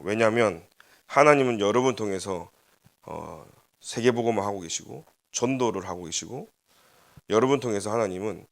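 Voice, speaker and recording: A man preaching a sermon as pastor, animated, with rhetorical questions and quoted inner voices. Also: on the low side, vocal fry. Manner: leads congregation in unison scripture reading, slowed.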